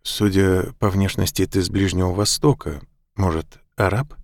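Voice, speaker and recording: A man's voice: deep voice, steady tone, moderate pace, darkish tone, no echo, studio quality. A man voicing a bewildered grown man in an audiobook, hesitant and questioning. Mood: confused.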